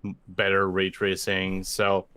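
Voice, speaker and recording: Slow, low-voiced man chatting casually. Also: monotone, pushed and bright, clean tone. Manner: rambling, heavy use of "like"; reads out viewer donations. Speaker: podcast co-host. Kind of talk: casual chat.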